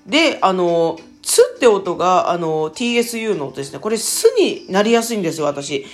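A woman's voice: fairly low pitch, expressive, brisk, faint music behind. A woman from Tokyo with an old Tokyo-style accent, hosting a spiritual podcast in a chatty, playful way and calling herself by her nickname. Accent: Edo-style Tokyo dialect. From Tokyo, Japan. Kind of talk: casual solo podcast talk.

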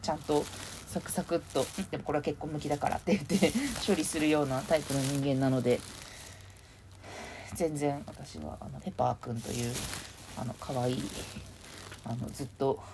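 A woman's voice: rumbling low, fairly even intonation, normal speed. A woman hosting a casual solo podcast, rambling and chatty as she sorts clothes at home. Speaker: podcast host. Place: at home, sorting clothes while talking. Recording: noisy home recording.

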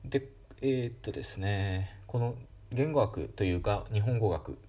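A man hosting a solo educational talk show, explaining calmly with many fillers. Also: fairly low pitch, a little slow. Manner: calm, explanatory, with frequent fillers. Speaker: podcast host.

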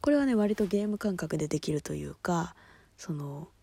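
A woman hosting a solo talk show, chatting casually, laughing often and dropping to soft murmurs. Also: on the low side, animated, fairly quick, vocal fry, breathy edge, no room sound. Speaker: podcast host. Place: at home at night.

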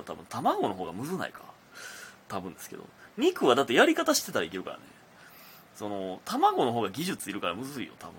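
A man's voice: mid-range voice, breathy edge. A young man with a Kansai accent hosting a casual solo radio talk, rambling and full of fillers. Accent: Kansai Japanese. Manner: rambling, many fillers, animated. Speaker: radio talk host, comedian.

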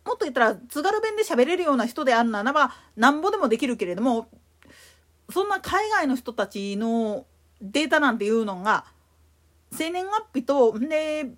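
A woman with a Kansai accent giving a solo explanatory talk as a podcast host, emphatic in her delivery. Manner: explanatory, emphatic, lively pitch swings.

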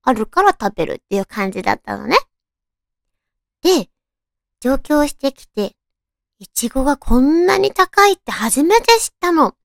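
A woman with a cute, girlish anime-like voice, chatting casually on her own as a radio talk host, with softly drawn-out phrasing. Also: sits high, very animated, gravelly, no room sound, studio quality. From Tochigi, Japan. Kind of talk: casual solo chat.

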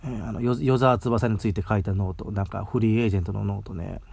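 A man from Mie rambles through a casual solo talk, recorded outdoors. He talks fast with a gravelly edge, and his voice sounds dry and close. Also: lowish voice, fairly even intonation, a little mellow, no echo. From Mie, Japan. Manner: rambling, chatty, tags sentences with "ne". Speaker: podcast host.

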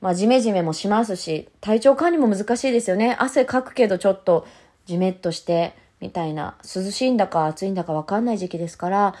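A woman talking alone on a podcast in a casual monologue, candid and reflective, addressing her listeners directly with many soft fillers. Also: mid-range voice, animated, fast. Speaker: podcast host, single mother.

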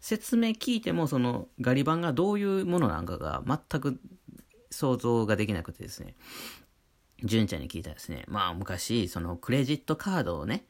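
A man's voice: mid-range voice, very animated, brisk. A man with a Kansai accent talking casually on his own show, rambling along with many fillers. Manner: chatty, rambling, full of fillers. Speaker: artist hosting his own talk channel. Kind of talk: casual solo monologue.

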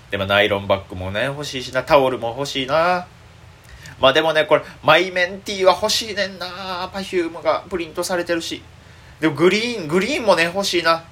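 A young man with a Kansai accent, hosting a solo chat show as a comedian, thinking aloud excitedly and fretting as he rambles. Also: fairly high pitch, brisk. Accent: Kansai Japanese. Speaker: comedian and podcast host.

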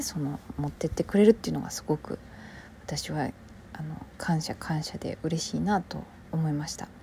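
A woman with a Kansai Japanese accent talks on her own solo show in a relaxed, rambling way. Her voice sits a little low and sounds warm and mellow, and it often sinks to a soft near-whisper. A faint hiss sits under it. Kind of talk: casual solo podcast chat.

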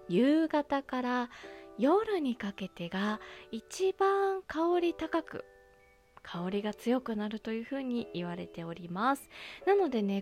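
Soft-spoken, high-voiced woman hosting with lilting intonation. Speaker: host of an aroma talk show. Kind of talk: soft-spoken scripted-style monologue on aromatherapy. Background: music.

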